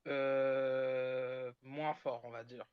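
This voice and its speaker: Slow, halting game master. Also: male voice, mid-range voice, level tone, smooth, no echo. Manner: slow, halting, repeats words. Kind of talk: narrating a tabletop game. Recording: dull, dry lo-fi sound.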